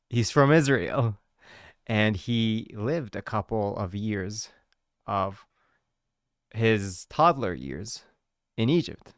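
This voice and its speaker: A man talks to camera in a casual, explanatory way, slowing down to lean on important words. His voice sits fairly low. The sound is dry and close, with no room around it. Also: expressive, smooth, no room sound. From United States. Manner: chatty, explanatory, drawn-out emphasis on key words. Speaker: host explaining his church's history. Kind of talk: casual educational talk to camera.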